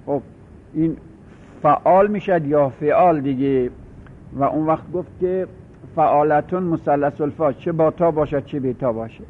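A man's voice: on the high side, a little hiss or hum. Man lecturing over tinny phone-like audio. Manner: methodical, repeats and spells out word patterns. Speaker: teacher. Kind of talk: classroom grammar lecture.

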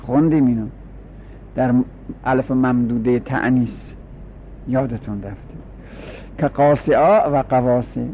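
A man teaching a grammar class, explaining slowly and repeating each form for his students. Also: medium pitch. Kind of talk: classroom lecture. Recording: dull lo-fi recording with faint hum.

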